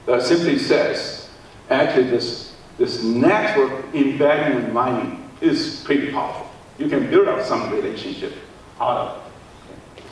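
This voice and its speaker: A man's voice: mid-range voice, a little slow. Man lecturing in a very echoey hall. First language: Chinese. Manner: frequent "okay" checks, restarts. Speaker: keynote speaker. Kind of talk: academic conference talk. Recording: distant mic in very echoey hall, faint noise.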